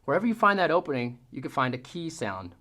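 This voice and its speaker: Very animated and fast, this man's sharp, higher-pitched voice carries a casual hunting-call tutorial. He teaches in a folksy style, mimicking the calls out loud as demonstrations.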